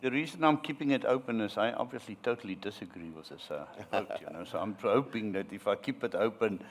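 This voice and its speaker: A man's voice: lowish voice, quick pace. A man from South Africa running an audience poll at a live panel, teasing and jokey.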